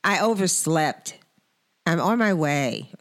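A woman's voice: low voice, expressive, slow pace. An older woman in a casual chat, adding dry, brief remarks to her husband's story. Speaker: co-host, wife.

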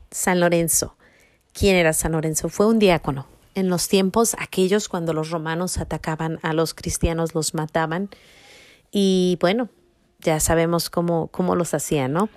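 A woman's voice: lowish voice, no echo, clean studio sound. A woman giving a casual religious reflection, telling a saint's story in an exclamatory, storytelling way. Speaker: devotional speaker.

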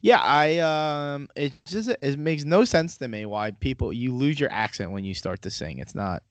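A man's voice: medium pitch, expressive, moderate pace, no room sound. A man co-hosting a podcast in casual chat, rambling and joking as he tells stories. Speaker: podcast co-host.

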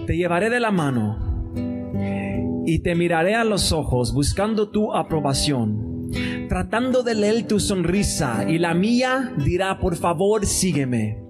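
Puerto Rican male poet, spoken word, high voice, live bar mic with guitar. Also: sing-song, slow pace. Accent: Puerto Rican Spanish. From Puerto Rico. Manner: chatty, loose intro with English "so" fillers. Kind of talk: spoken word poetry reading. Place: bar event space, indoors. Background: guitar music.

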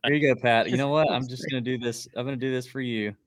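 A man's voice: mid-range voice, fairly even intonation, fast, dry recording. A man hosting a show in a casual, chatty style. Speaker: show host. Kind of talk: casual sports-betting chat.

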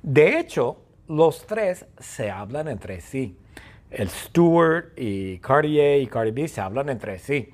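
Narrador juguetón de voz ronca. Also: male voice, mid-range voice, slow. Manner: playful, repetitive, animated. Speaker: storyteller. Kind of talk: playful story narration.

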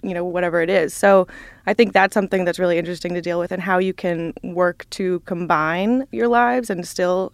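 A woman's voice: lowish voice, creaky, no room sound. A woman in her twenties, a guest on a podcast, talking her thoughts through and searching for words with plenty of "you know". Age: 20s. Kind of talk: casual podcast discussion.

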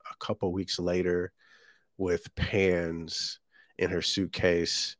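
A man from Jamaica tells his story in a very low, deep voice, loose and casual, full of ums and self-corrections. The sound is dry and close, with no room around it. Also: level tone, slow pace, fairly bright tone, no echo. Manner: rambling, many ums and restarts. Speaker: guest, shortbread business owner.

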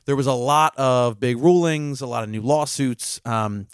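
A man hosting a podcast, explaining legal news in a casual, explanatory way with frequent filler pauses. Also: mid-range voice, clean tone, no echo, studio quality. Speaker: podcast host and legal reporter. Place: New York.

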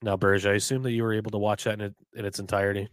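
A man from New Hampshire co-hosting a casual sports podcast, animated and quick to get heated, swearing freely. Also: fairly low pitch, no echo. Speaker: podcast co-host.

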